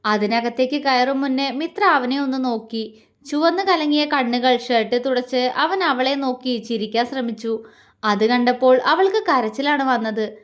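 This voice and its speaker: A woman storyteller narrating a romance story in a soft, even way. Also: high voice, normal speed.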